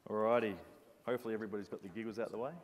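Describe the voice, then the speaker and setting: A former basketball captain from Australia gives an earnest, reflective motivational presentation in a lowish, level voice, speaking very fast. The audio has reverberant hall sound and background noise.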